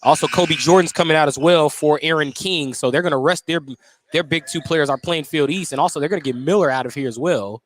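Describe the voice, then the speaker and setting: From courtside in an indoor gym, a male radio announcer calls a basketball game live, fairly quick and on the high side. Background gym noise and a bouncing basketball come through.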